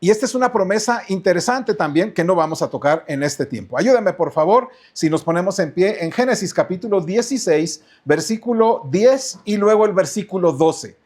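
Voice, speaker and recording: A man's voice: sits high, animated, moderate pace, hardly any pauses, a little mellow. A man with a Mexican Spanish accent preaching a sermon as pastor in a church, asking the congregation questions and often repeating his words.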